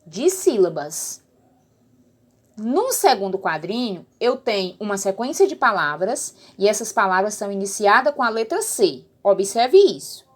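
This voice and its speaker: Patient Brazilian woman teaching young kids. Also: a little high. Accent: Brazilian Portuguese. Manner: patient, repeats and checks understanding with the class. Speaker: primary school teacher. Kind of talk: recorded online lesson for children.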